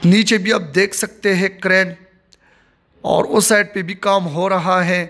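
Holding his phone as he walks, a high-voiced man gives a casual tour of a stadium being built outdoors. He speaks unhurriedly in a steady, fairly bright tone, repeating plain observations as he films.

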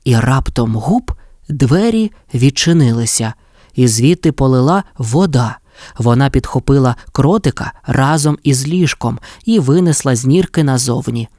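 A Ukrainian woman narrating a children's audiobook with expressive, lively storytelling. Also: extremely low pitch, normal speed, dry recording, studio quality.

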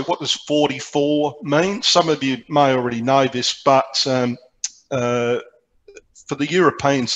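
Speaking from indoors on a remote video meeting, an Australian amateur radio programme coordinator walks a club through his slides in a casual, explanatory way, frequently hesitating. His medium-pitched voice is a bit bright, and the recording quality is low.

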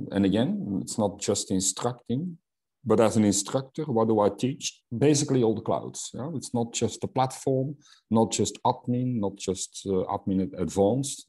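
His voice is fairly low-pitched, warm and husky. He's a middle-aged Belgian whose native language is Dutch, working as a Salesforce instructor and presenting an online webinar in a hesitant way, full of fillers and restarts.

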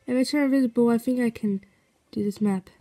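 A woman's voice: on the high side, fast talker, mellow. A woman casually commenting while she plays a game, reading in-game notes aloud and reacting as she goes. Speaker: game video maker.

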